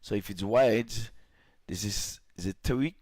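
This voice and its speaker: A low-pitched man commentating live cricket, recorded close and dry. He calls each ball steadily, then his voice jumps up in pitch and loudness when the action peaks. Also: unhurried, no echo. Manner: rises sharply in pitch and volume at big moments.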